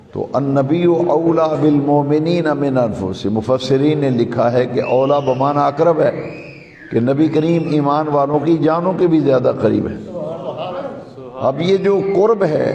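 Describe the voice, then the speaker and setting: A man delivering a sermon, chanting quoted Arabic slowly and drawn out, recorded live in a large echoing hall. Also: mid-range voice, mellow, dull audio. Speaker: preacher. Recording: echoey hall with live crowd.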